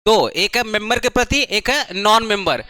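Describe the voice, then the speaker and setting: Brisk high-voiced male commerce tutor. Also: lively intonation, sharp tone, dry recording. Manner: brisk, urges students to write fast, repeats terms. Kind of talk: classroom lecture. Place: coaching classroom.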